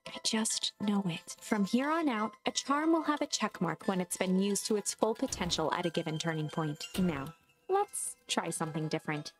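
A solemn storyteller, played by a woman, narrates a mystery game like a storybook. Her delivery is scripted and dramatic, at a middle pitch, with music underneath. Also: animated, moderate pace, lightly acted. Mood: gentle, reassuring. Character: solemn female storyteller reading a mystery tale.

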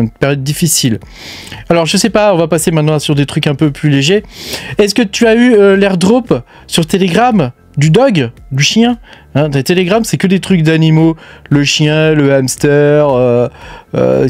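A man's voice: on the high side, darkish tone, dry recording. A man hosting a casual crypto news show, talking straight to the viewer in a chatty, filler-heavy way. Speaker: crypto mining news host. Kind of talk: casual unscripted commentary.

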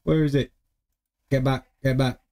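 A man's voice: mid-range voice, flat delivery, moderate pace, warm tone. A British man in his thirties giving casual commentary as a reaction video host in a room at home. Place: small home room, indoors. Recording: music under the voice.

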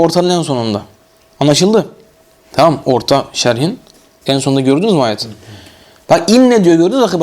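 A man's voice: sits high, darkish tone. A man with a Turkish accent teaching Arabic grammar in a classroom lecture. He reads the text aloud, explains it and keeps asking his students questions.

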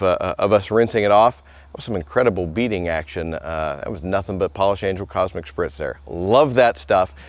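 In a driveway outside a house, a middle-aged man casually teaches car detailing step by step, like he's chatting with a friend. The low-pitched voice comes through a close mic as a dry recording.

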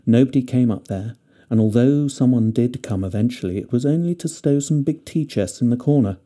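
A man narrating a fairy tale with gentle, expressive storytelling. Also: mid-range voice, brisk.

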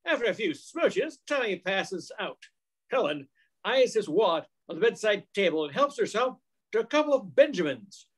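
An old-time radio mystery gets its narrator in a man in his sixties, reading a script over a video call from his living room. His high, husky voice has a sing-song lilt and a moderate pace.

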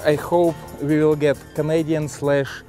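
A man with a Russian accent speaking halting, simple English in a casual interview, often repeating words. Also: on the high side, level tone. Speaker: adventurer and sailor, interviewee. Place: on a sailboat in a marina, cockpit and cabin. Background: music.

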